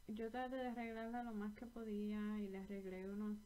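A young woman with a mid-range, fairly dark voice, little pitch movement and a slightly fast pace chats to camera about her knitting from a small bedroom. She's a knitting vlogger from Puerto Rico with a Puerto Rican Spanish accent, rambling and correcting herself as she goes, on a low-quality recording.

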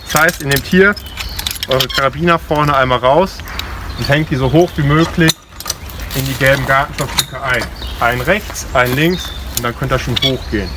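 A man gives an informal, explanatory safety briefing as a climbing instructor. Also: on the high side. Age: 20s. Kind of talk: spoken safety briefing with demonstration. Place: outdoors in a forest ropes course. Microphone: camera mic a few steps away. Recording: clear outdoor noise, passing vehicles, clinking gear.

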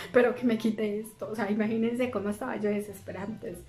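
A woman's voice: medium pitch, fast talker. A young woman, a beauty vlogger telling a storytime monologue and acting out the people she quotes. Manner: animated, acts out quoted dialogue.

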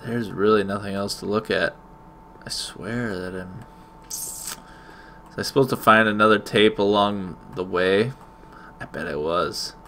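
A man's voice: low voice, gravelly, sharp tone, a little hiss or hum. A man giving casual let's-play commentary, muttering to himself with mild exclamations as he plays a video game. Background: video game sound.

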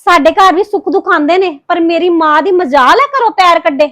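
A woman acting as a heartbroken young wife in a family drama, who speaks with a Punjabi accent and pours out rapid, reproachful complaints against her in-laws. Her voice sits very high. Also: animated, fairly bright tone. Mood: bitter, accusing. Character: grieving young wife confronting her mother-in-law. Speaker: daughter-in-law Harpreet.

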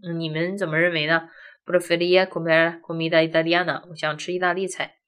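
A woman's voice: fairly low pitch, flat delivery, fairly quick, a bit bright. A woman teaching a grammar lesson, walking through each point step by step and often asking rhetorical questions. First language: Chinese. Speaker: language teacher. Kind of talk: classroom-style grammar lesson.

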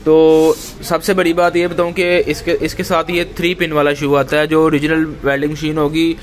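A somewhat high-voiced man walks viewers through a product demo as a shopkeeper, talking casually and peppering his speech with little agreement fillers. He is recorded on a camera mic indoors in a tool shop, with faint noise in the background. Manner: conversational, repeats "theek hai" as a filler. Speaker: shopkeeper reviewing machines.

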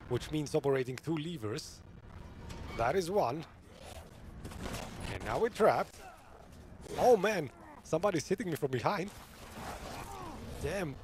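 Male streamer, casual and giggly, animated pitch, light background hiss. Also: measured pace, long pauses. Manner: chatty, laughs often, reads chat aloud. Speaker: gaming streamer. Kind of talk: live gameplay commentary.

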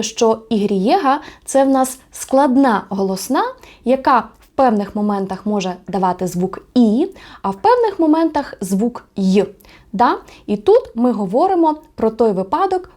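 A woman with a fairly high voice gives an online language lesson. She speaks in a patient teaching tone and draws out the example words slowly and precisely. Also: expressive, dark tone. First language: Ukrainian. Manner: slow, careful enunciation of example words. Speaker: Spanish teacher.

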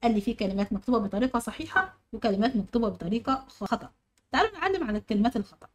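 Egyptian woman teacher, quick-spoken, slightly high voice, walks pupils through exercises. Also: expressive, background noise. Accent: Egyptian Arabic. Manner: explains step by step, quizzing pupils. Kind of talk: online grammar lesson.

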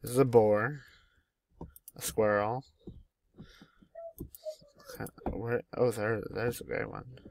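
A man's voice: on the low side, steady tone, takes it slowly, gravelly, pauses often, darkish tone, a little hiss or hum. A young man at home casually commenting on a game mod, chatty and easily delighted as he names each animal that appears. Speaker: gaming YouTuber.

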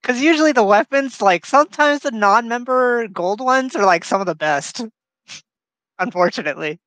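Lively young man, relaxed guest. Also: extremely high pitch, moderate pace, dry recording, rough recording. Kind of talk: casual gaming chat.

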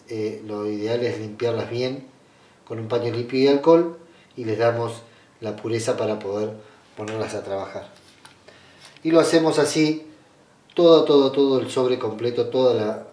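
A man's voice: medium pitch, darkish tone. Hesitant Argentine man, roomy distant sound. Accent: Argentine Spanish. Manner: unhurried, hesitant, with frequent "eh" fillers and restarts. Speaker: spiritual ritual guide. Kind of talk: step-by-step ritual tutorial. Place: small indoor room at a red-draped altar table.

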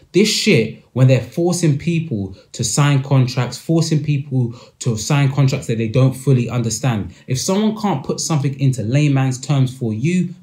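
Mellow, emphatic podcast host man. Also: medium pitch. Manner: emphatic and repetitive. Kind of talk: casual commentary.

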